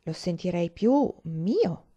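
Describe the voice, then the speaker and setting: A woman's voice: on the low side, very animated, slow pace, mellow, dull audio, exaggerated voice. Woman reading an eager young boy.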